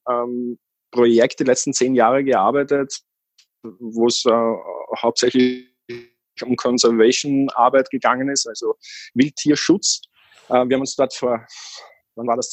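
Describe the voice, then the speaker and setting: A man in his thirties tells his story as a podcast guest, circling back with fillers and restarts. His voice is a bit husky, recorded dry and close with no room sound. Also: mid-range voice, dry recording. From Austria. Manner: rambling, many fillers and restarts. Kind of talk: casual podcast interview.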